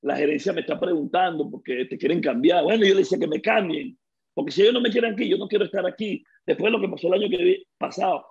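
A middle-aged Venezuelan man with a gravelly, somewhat husky voice pitched a little high. He talks like a guest telling stories in a casual interview and acts out the voices of the people he quotes. The recording sounds dull and lo-fi. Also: fast. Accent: Venezuelan Spanish. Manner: lively storyteller who acts out quoted dialogue. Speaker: guest, former baseball player.

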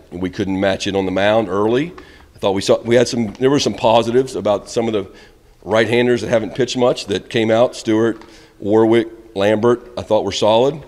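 A middle-aged college baseball head coach with a deep, low voice gives candid, rambling answers at a postgame press conference, often trailing off quietly as he finishes. He stands in front of a backdrop in a reverberant press room, and reporters hold their phones and handheld mics close.

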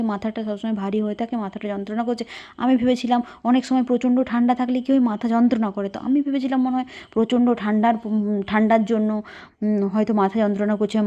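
Casual vlogger, woman, soft worried narration, monotone, muffled home recording. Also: fairly high pitch. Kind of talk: casual personal vlog.

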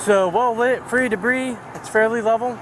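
High-voiced policeman giving methodical instructions. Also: moderate pace. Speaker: police officer. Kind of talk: step-by-step sobriety test instructions. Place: outdoor city sidewalk at night. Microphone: body-worn camera on the speaker. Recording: noisy outdoor body camera audio. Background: street and vehicle noise.

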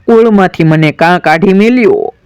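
A solemn, declamatory warrior son pleads with sorrow, as a man storyteller recites him. The voice sits high and moves slowly, smooth and clear. It sounds dry and close, with no room around it. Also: darkish tone, dry recording, natural voice. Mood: bitter. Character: grieving proud warrior son, adult man.

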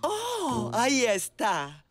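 A woman voicing a patient, wry wife in an animated cartoon dub. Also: fairly high pitch, very slow, heavily acted. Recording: music under the dialogue.

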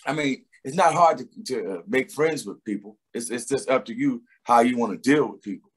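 Over a webcam on a video call, a middle-aged singer with a Philadelphia accent talks as a guest in a laid-back interview chat. His medium-pitched voice is relaxed and rambling, marked by frequent pauses, hesitations, fillers and restarts. He's in a room at home with a door behind him, and the background is noisy.

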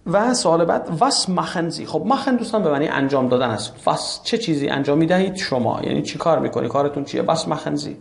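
A man from Iran teaching a German lesson, saying German phrases slowly and then explaining each one. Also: a little high, lively intonation, creaky.

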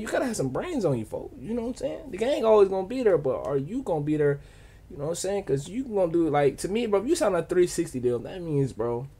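A man's voice: on the high side, gravelly, slightly rough. A man in his twenties with an American accent giving casual, slangy, emphatic reaction commentary to the camera. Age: 20s. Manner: animated, slangy, emphatic, peppered with "bro" and "you know what I'm saying". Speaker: reaction video host. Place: small home studio with acoustic foam panels, indoors.

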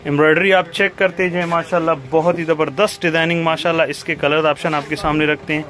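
A man with a Pakistani accent giving an eager teleshopping sales pitch, repeating praise and prices as he presents stock. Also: flat delivery, quick pace, fairly bright tone. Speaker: cloth shop seller presenting stock. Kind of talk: sales pitch for a product video. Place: fabric shop, indoors.

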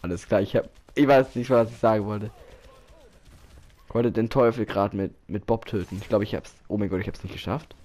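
A man commentating his own match while playing, excitable, often exclaiming and laughing. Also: fairly low pitch, brisk. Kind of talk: casual gaming commentary.

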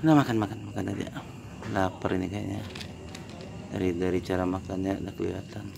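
A man's voice: deep voice, level tone, a little fast, creaky, noisy background. A man feeding stray cats in an outdoor market at night, coaxing them with short repeated calls. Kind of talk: casual talk to animals. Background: cats and passing vehicles.

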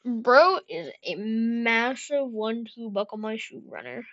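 A woman giving excitable casual commentary while playing a video game, talking to herself and yelling at the game, close to her microphone. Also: a little high, a little slow, muffled recording. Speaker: gameplay streamer. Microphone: close desk microphone.

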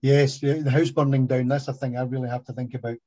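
Husky man, muffled call audio. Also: mid-range voice, steady tone, mellow. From Tasmania, Australia. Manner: hesitant, halting, with repeated words. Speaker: guest speaker. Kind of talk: video call conversation. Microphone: video call.

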